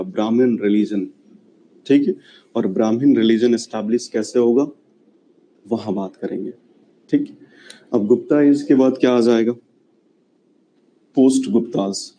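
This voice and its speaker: A man's voice: mid-range voice, warm tone, highs cut off, a little hiss or hum. A man lecturing a classroom on history, chatty and often checking whether students follow. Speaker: history teacher.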